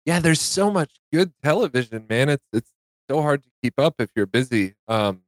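A man's voice: mid-range voice, animated, normal speed, no room sound, clean studio sound. A man co-hosting a casual podcast chat, talking hesitantly with many fillers.

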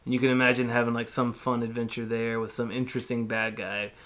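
A man's voice: mid-range voice, flat delivery, quick pace, a bit bright. Explaining man on a movie podcast. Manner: explanatory, storytelling, laughs at his own jokes. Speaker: podcast co-host. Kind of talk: casual chat about movies.

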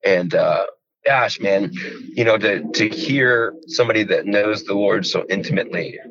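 Low-voiced enthusiastic man in his forties. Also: moderate pace, gravelly, a bit bright, dry recording, lo-fi sound. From rural Georgia, US. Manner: enthusiastic, loose and rambling, heavy on fillers like "you know" and "man". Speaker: pastor. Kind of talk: casual conversation.

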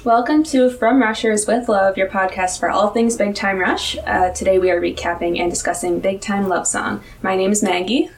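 Woman, young adult, podcast host, giggly chatter, mid pitch, mic set back. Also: fairly even intonation, moderate pace, hardly any pauses. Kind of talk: casual chat. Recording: distant mic.

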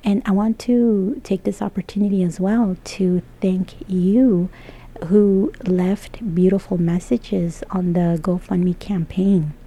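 Podcast host: woman, slow, breathy near-whisper, mellow low tone. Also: fairly even intonation. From El Salvador. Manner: soft, often breathy half-whispered delivery; earnest and thankful. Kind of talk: solo podcast monologue.

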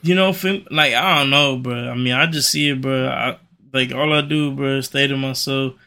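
A man's voice: mid-range voice, fairly even intonation, normal speed, sharp tone. A young man ranting casually in slangy, profane frat-bro talk, emphatic and repeating himself. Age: young adult. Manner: emphatic and repetitive.

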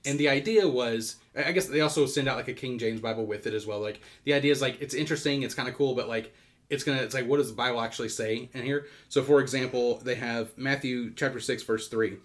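Male podcast co-host, middle pitch, rambling and self-correcting in casual talk. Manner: rambling, self-interrupting, quick laughs.

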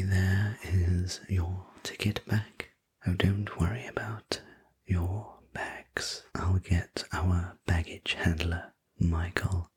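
A man playing a courteous night train conductor in a whispered role-play, narrating a sleep story in a soothing, polite, breathy whisper. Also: sits low, heavily acted. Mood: helpful, courteous.

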